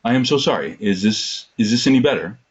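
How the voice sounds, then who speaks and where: A man's voice: medium pitch, lively intonation, a little fast, breathy edge. A man presenting an online training, heard over a crackly audio line that fades in and out, checking the connection in a flustered way. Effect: crackly audio line fading in and out. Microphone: computer audio on a web call. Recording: dull lo-fi call audio.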